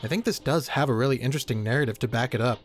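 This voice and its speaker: A man who reviews horror on YouTube delivers comedic video essay commentary, rapid-fire and in a mid-range voice, with sarcastic jokes and casual profanity. Music plays behind his voice.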